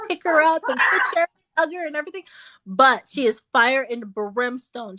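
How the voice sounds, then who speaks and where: Woman, casual chat, animated storyteller, fairly high voice, dry close sound. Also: dry recording. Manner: animated storyteller, acts out her kids with squeals.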